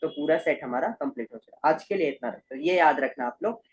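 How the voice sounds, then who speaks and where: A man's voice: fairly high pitch, fast talker, poor audio. A man teaching a math class, explaining step by step and checking often that the students follow. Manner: repeats check-in questions to students. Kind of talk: explaining a lesson. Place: recorded at a screen with slides.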